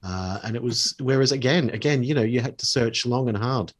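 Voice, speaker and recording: A man's voice: medium pitch, brisk, slightly rough. A man from New Zealand chatting casually about old comedy, hesitant with many ums.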